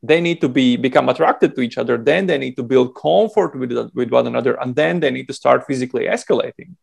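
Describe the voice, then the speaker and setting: A male podcast guest with a heavily gravelly, fry-laden voice at a middle pitch. He talks bluntly and swears freely, laying his points out step by step. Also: quick pace. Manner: blunt and profane, explains step by step. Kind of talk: casual chat.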